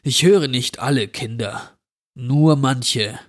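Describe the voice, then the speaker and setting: A man voicing a dirty, menacing stranger who grants children's wishes, speaking with a slow, mocking drawl in a horror story reading. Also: mid-range voice, natural voice.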